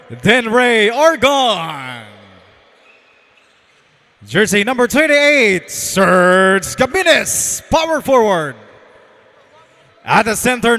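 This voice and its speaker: A man with a Filipino accent and a high, fairly bright voice hypes up the crowd like a fighting game announcer, stretching out names. He's on the PA in a large indoor arena, and the recording carries long, echoing arena reverb.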